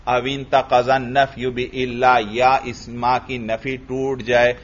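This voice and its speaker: A man with an even, mid-pitched voice gives a classroom grammar lesson, chanting lines of text slowly before explaining them. He keeps turning to his students with quick questions. The recording is dull and lo-fi. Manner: reads Arabic text in a slow chant, then explains it, asking students questions. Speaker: teacher of Arabic grammar.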